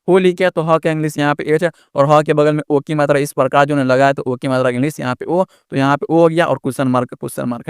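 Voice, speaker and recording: A man's voice: fairly high pitch, smooth, dry recording, clean studio sound. A man teaching a lesson step by step, repeating himself and asking the listener rhetorical questions. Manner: repetitive, constantly asks rhetorical questions. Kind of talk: screen-recorded lesson.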